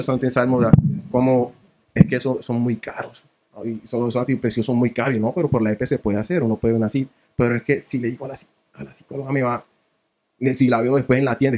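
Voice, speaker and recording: Fast-talking man with an island Spanish accent. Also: medium pitch, a little mellow. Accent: San Andrés Archipelago Spanish. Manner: rapid, searching speech that switches between Spanish and island creole English. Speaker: panelist. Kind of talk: panel discussion.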